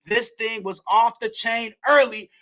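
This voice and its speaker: A man hosting a wrestling show, recapping a match play by play and building to shouts at the near-falls. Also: very high voice, fairly even intonation, measured pace.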